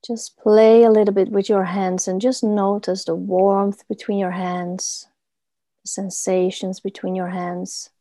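A woman leading a guided body meditation in a soothing, gentle murmur, giving soft instructions with pauses between phrases. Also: medium pitch, level tone, no room sound.

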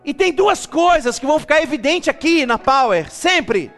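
A man preaching a lively church sermon as bishop, calling the congregation to repeat after him and building up to shouts. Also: very high voice, moderate pace, faint music behind. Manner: animated, rising to shouts, calls congregation to repeat.

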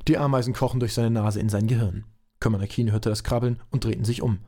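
A man's voice: lowish voice, fairly even intonation, fast, warm tone. A man narrating an amateur audio drama in a dry, matter-of-fact way.

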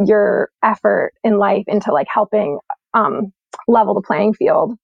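A young climate scientist, Swedish-born and New York-raised, speaks casually and reflectively in an interview, relaxed and leaning heavily on "like" and "um." Her mid-range voice is gravelly and slightly rough, delivered at a measured pace. The dull lo-fi recording has no room sound.

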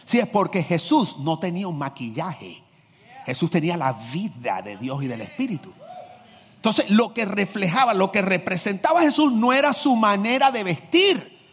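Very animated and speaking at normal speed, a pastor delivers a sermon in a fairly high, husky voice, acting out little scenes and moving from loud, driving emphasis to low, confiding asides. His voice echoes with a long church-hall reverb.

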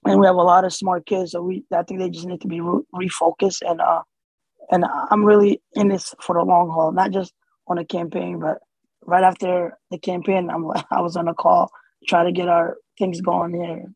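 A man's voice: high voice, flat delivery, moderate pace, slightly rough, dry recording, low-quality recording. A man born in Somalia and raised in the US, speaking as an interview guest in a casual, hesitant way with many fillers and restarts. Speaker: interview guest, community organizer.

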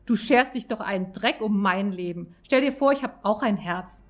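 A woman's voice: mid-range voice, normal speed, lightly acted. A woman voicing a wounded middle-aged husband who hisses and pleads. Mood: angry. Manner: hissing, pleading.

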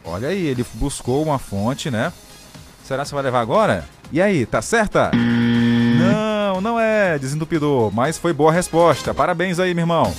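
A man's voice: fairly high pitch, lively intonation, normal speed. A Brazilian man hosting a live call-in quiz show on the radio, teasing callers playfully from a studio microphone. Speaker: radio host. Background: background music.

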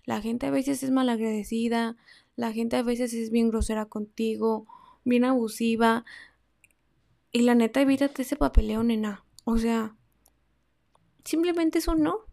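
A young woman with a Mexican accent hosting a casual advice podcast, chatty and slangy, swinging between loud emphasis and soft asides. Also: fairly high pitch, fairly even intonation, a little slow, vocal fry, pauses often. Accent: Mexican Spanish. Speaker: podcast host.

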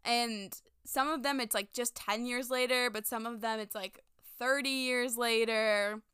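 Bright, clear-voiced woman podcast host. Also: on the high side, steady tone, unhurried, no echo, studio quality. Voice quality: enthusiastic, chatty, giggly. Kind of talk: casual chat.

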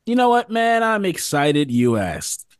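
A man co-hosting a casual podcast, animated and quick to hype and laugh. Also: high-pitched, smooth, dry recording, studio quality. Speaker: podcast co-host.

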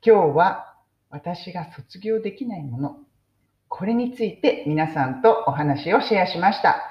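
A woman's voice: fairly low pitch, animated, unhurried. A woman giving a casual, chatty English mini-lesson and explaining with friendly asides. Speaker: English teacher podcaster. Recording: roomy, dull lo-fi recording.

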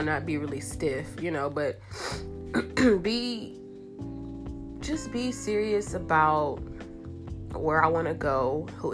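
A woman hosting a casual, chatty girl-talk show in an animated, informal way, congested with a cold so she sounds nasal, as if her nose is pinched shut. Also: deep voice. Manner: animated, informal girlfriend talk with emphatic repetition. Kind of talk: casual chatty monologue to listeners.

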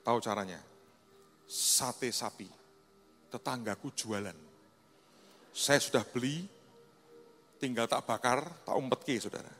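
A man with a Javanese-tinged Indonesian accent, preaching a sermon as a pastor and telling stories with lively, acted-out voices. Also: medium pitch, measured pace, long pauses. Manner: animated storyteller, acts out quoted voices. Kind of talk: sermon storytelling. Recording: long reverb in a large hall with faint music.

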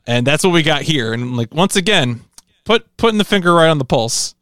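A man's voice: fairly high pitch, animated, fairly quick, a bit bright, no echo, studio quality. A man co-hosting a podcast with casual, analytical commentary. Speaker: podcast co-host.

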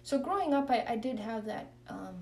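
Sounding a bit far from the microphone, this Kenyan nun gives interview testimony and spoken prayer in an earnest, reflective way. Her voice is a little high and somewhat dark, with lively intonation and a slightly quick pace, over faint background noise.

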